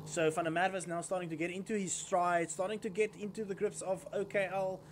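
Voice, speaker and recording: High-pitched male motorsport commentator over engine noise. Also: flat delivery, brisk. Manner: motorsport commentator delivery, following the action as it unfolds. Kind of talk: live sim kart race commentary.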